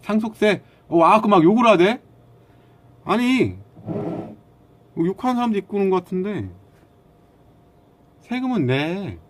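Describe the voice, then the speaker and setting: A male streamer in a relaxed live setting harangues his audience, arguing bluntly and firing back at chat messages. His pitch runs a bit high for a man and moves up and down widely.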